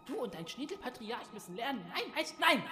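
A woman's voice: on the high side, big pitch swings, brisk, music in the background. A woman voicing a crude, sarcastic male crow-like creature in a comedy audio play. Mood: snappy.

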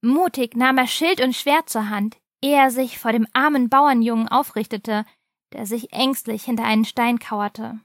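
A woman reading a children's advent story aloud in a calm, steady storybook manner. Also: on the high side, normal speed, no room sound, studio quality.

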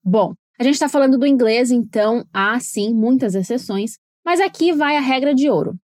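A woman with a Brazilian Portuguese accent teaching English pronunciation in a scripted podcast lesson, explaining clearly and slowing down to model words. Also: on the high side, expressive, darkish tone, no echo, clean studio sound.

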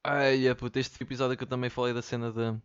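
In a smooth, mid-range, level voice, a man talks fast while hosting his solo podcast from his bedroom, rambling and joking with Lisbon slang and swearing in a European Portuguese accent. His studio mic is sometimes off-axis, and the audio is dull with no echo.

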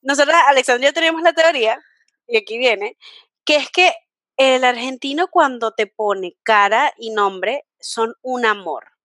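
A Venezuelan woman hosting a casual podcast chat, telling stories in an animated way and laughing often. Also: a little high, normal speed, no room sound. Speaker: podcast host.

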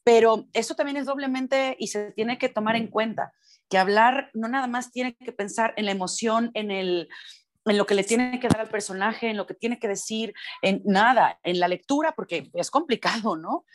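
A Mexican woman with a Mexican Spanish accent, talking earnestly in an interview. Her voice sits fairly high, and she speaks with warm emphasis. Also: normal speed. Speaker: voice actor. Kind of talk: conversational interview.

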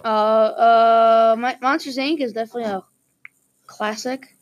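A woman's voice: on the high side, steady tone, unhurried, highs cut off. A woman co-hosting a casual movie podcast, giving short agreeable replies and giggling often. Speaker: podcast co-host. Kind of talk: casual chat about a movie.

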